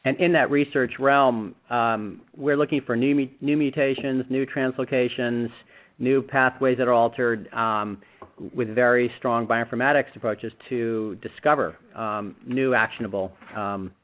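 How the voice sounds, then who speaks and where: A man speaking haltingly and in measured phrases as he explains research on a conference call over a speakerphone. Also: mid-range voice, steady tone. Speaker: physician-researcher speaking for a cancer research collaboration. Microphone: conference call phone, speakerphone. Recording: narrowband conference phone line.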